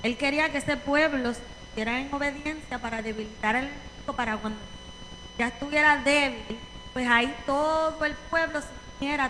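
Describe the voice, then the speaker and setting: A woman with a Puerto Rican accent calmly sharing her thoughts on a Bible passage in church. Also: high voice. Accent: Puerto Rican Spanish. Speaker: congregation member. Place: church sanctuary. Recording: church hall reverb, faint noise.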